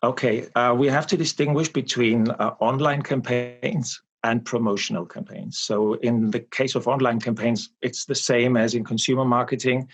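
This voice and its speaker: A man in his forties, from Austria, answering interview questions about his marketing work in a measured, explanatory way with frequent pauses. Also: medium pitch, fairly even intonation. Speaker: guest, marketing expert. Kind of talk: interview conversation.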